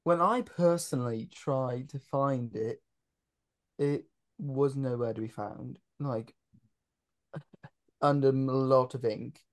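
A man playing a tabletop game who talks haltingly, repeats his words and laughs often. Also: medium pitch. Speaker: player. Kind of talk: tabletop role-play banter.

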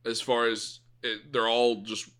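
A man's voice: mid-range voice, little pitch movement, measured pace, a bit bright, clear, resonant tone. A young man co-hosting a podcast in casual chat, joking and teasing his friend, a bit congested from allergies. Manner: joking, teasing, swears a lot. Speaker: podcast co-host.

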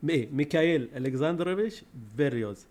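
A man's voice: fairly high pitch, expressive, a little mellow. A man, co-hosting a podcast in casual chat, talking eagerly and laughing easily. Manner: rapid, enthusiastic, laughs easily. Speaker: podcast co-host.

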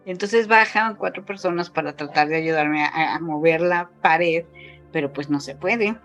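A woman in her fifties with a Mexican Spanish accent speaks in a low, slightly bright voice at normal speed, on a muffled recording with soft music behind. As a guest in a casual interview, she retells an emotional personal story with frequent fillers, her voice rising when she quotes others.

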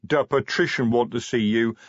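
A man voicing a big male troll sergeant who talks slowly and patiently, with broken grammar. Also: medium pitch, dry recording, natural voice. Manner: slow, patient, plodding, ungrammatical. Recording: dry, slightly dull audiobook sound.

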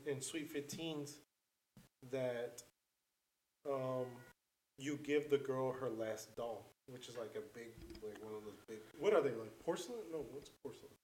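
A man's voice: mid-range voice, darkish tone. Rambling man telling a story, roomy echo. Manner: loose, rambling storytelling full of "like" and swearing. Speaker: storyteller on a podcast. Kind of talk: casual chat.

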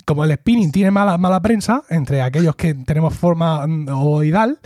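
Telling a story in a relaxed podcast chat, this middle-aged host performs the quoted lines himself. He speaks at a normal speed in a slightly high, slightly mellow voice, captured in studio quality without echo.

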